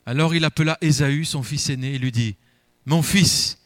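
A preacher man reads scripture and then explains it, his fairly high voice swelling and dropping for emphasis as he repeats his words. The sound is dry and close, with no room echo. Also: moderate pace. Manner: emphatic, rising and falling delivery with repeated words. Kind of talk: Bible reading and sermon.

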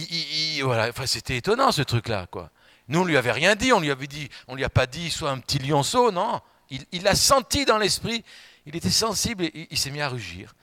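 A man preaching a sermon, swinging between loud emphatic outbursts and quiet asides and putting questions straight to the congregation. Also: mid-range voice, no room sound, clean studio sound. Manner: addresses the congregation directly with questions.

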